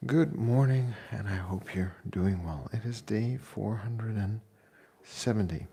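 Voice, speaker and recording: A man in his forties, a fitness vlogger talking in a casual, unhurried way from his kitchen, pausing often with fillers. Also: fairly low pitch, creaky, warm tone, husky. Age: 40s. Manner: unhurried, reflective, pauses with fillers. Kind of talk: casual chat. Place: home kitchen.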